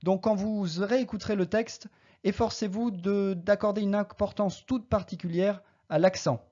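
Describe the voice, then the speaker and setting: A Latin teacher giving a recorded lesson, slowly modelling each Latin word's pronunciation and then explaining it. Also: mid-range voice, fairly even intonation, warm tone, dull audio.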